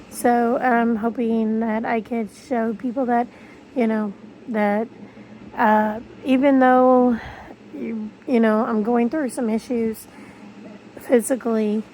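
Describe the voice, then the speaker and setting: A woman's voice: a little high, warm tone, a little hiss or hum, poor audio. A woman speaking casually to her viewers in a rambling vlog, her speech slightly slurred by missing front teeth. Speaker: video creator. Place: bedroom, lying in bed.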